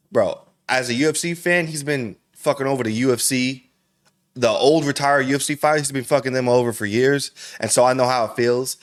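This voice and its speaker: A man hosting a reaction video, talking casually in slangy, profane, rambling speech and saying "bro" constantly. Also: mid-range voice. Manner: rambling, with frequent restarts.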